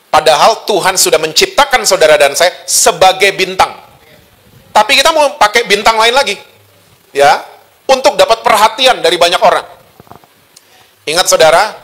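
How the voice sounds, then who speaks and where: A man's voice: a little high, sharp tone. A male pastor preaching a sermon in a conversational, humorous way, teasing his congregation.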